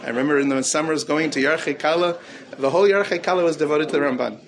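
A man's voice: fairly high pitch, fast talker, a little hiss or hum. A man teaching as a rabbi, earnest, repeating key phrases for emphasis and mixing Hebrew terms into his English. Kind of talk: Torah talk answering questions.

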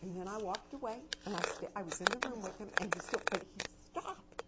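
An older woman giving an animated, anecdotal talk on parenting to a live audience, her voice swinging between soft and loud. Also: mid-range voice, fairly quick. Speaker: parenting and education speaker. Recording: dull lo-fi recording with loud noise.

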